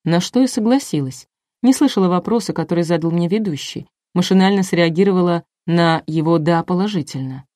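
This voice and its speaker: Woman narrator, wry ironic audiobook reading, lowish voice, dry close sound. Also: fairly quick, warm tone, no echo. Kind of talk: first-person audiobook narration.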